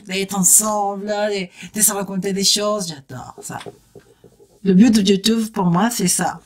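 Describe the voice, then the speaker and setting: A woman's voice: lowish voice, a little mellow. Chatty woman doing a makeup tutorial. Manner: chatty, talks straight to viewers while working; enthusiastic exclamations. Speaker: beauty vlogger. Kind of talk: casual makeup tutorial chat.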